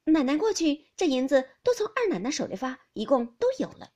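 A woman's voice: high voice, big pitch swings, a little fast, mellow, voice pushed up. A woman reading aloud as a polite, deferential middle-aged servant woman explaining matters to her mistress.

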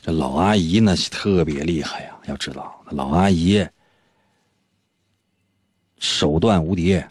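A male radio host, telling a story on air in a playful, teasing way and often leaping into a high, excited pitch. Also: measured pace, slightly rough, no room sound, studio quality. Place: radio studio.

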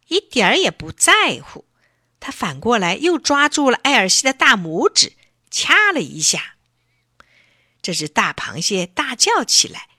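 A woman reading a children's story aloud in a gentle, expressive way. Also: mid-range voice, slightly rough, dry recording, studio quality.

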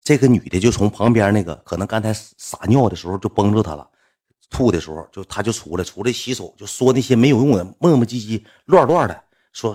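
A man with a Northeastern Mandarin accent tells a casual story in a low voice. He talks quickly, loops back on his own words and leans hard on fillers as he goes. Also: warm tone. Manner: rambling, repetitive, full of fillers. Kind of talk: casual spoken anecdote.

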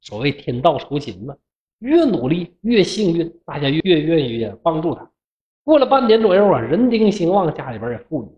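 A storyteller with a Northeastern Mandarin accent telling a classical ghost tale in a colloquial, humorous, expressive way. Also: mid-range voice, normal speed. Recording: dull lo-fi recording.

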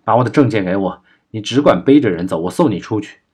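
A man reading an audiobook, voicing a gruff man who gives terse, urgent orders during an escape, in a low, husky voice. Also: animated, fast, warm tone. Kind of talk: audiobook character voice.

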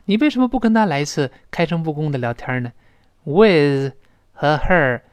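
Lively man teaching English pronunciation. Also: fairly high pitch, no room sound. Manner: explains pronunciation step by step, repeating words slowly; lively, with rhetorical questions to listeners. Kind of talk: recorded language lesson.

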